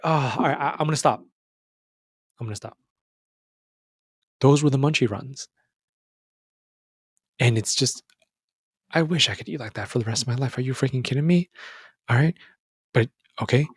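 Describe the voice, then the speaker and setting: Rambling, excitable male podcast host. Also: fairly high pitch, dry recording, clean studio sound. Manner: rambling, excitable, digressive, talks straight to the listener. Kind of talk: casual podcast monologue.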